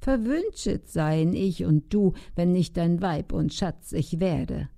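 A woman's voice: lowish voice, animated, slow pace, creaky, mellow, heavily acted. A woman voicing a cunning, ugly old woman who commands her new husband in rhyming verse. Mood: domineering. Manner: pleading then domineering, rhyming verse.

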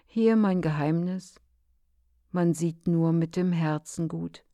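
A woman voicing a wise, gentle male fox in a storybook reading, speaking calmly and softly. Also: fairly low pitch, slow, no echo, highs cut off.

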